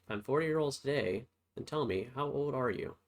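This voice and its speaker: A man's voice: medium pitch, fairly quick. A man giving casual let's-play commentary, playful and thinking aloud as he works through puzzles. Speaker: game streamer.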